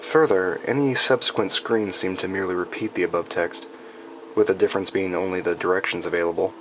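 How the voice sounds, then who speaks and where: A man reading a scripted horror story in a measured, deliberate and ominous storytelling manner. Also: deep voice, fairly even intonation, noisy background. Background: background music.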